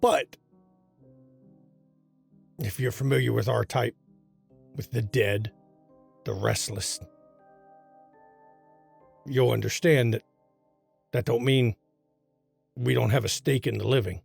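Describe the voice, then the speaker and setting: A man voicing the vengeful, blunt ghost of a gunned-down man in a tabletop game, with a raspy, sly, terse delivery. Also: medium pitch, fairly even intonation, slow pace, long pauses, no room sound, soft background music, pitched below the performer's own voice, full character voice. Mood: bitter, sly. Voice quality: raspy, gravelly.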